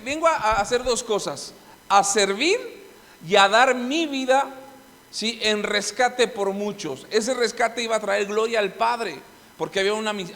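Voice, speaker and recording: A man's voice: high voice, a bit bright, in a large hall. A middle-aged man preaching a sermon as pastor, emphatic, with frequent restarts and rhetorical questions to the congregation. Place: church hall.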